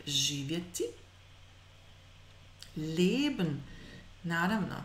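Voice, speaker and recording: A woman in her thirties gives an online German lesson over a webcam. Her voice is on the low side, and she says German example sentences slowly and carefully, explaining between them in quick asides. The sound is reverberant with a little hiss or hum.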